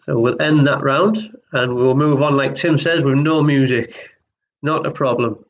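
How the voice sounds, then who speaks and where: A man hosting an online pub quiz, reading each question twice and chatting between rounds in a relaxed, apologetic way. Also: mid-range voice, measured pace, dull audio. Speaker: quiz host.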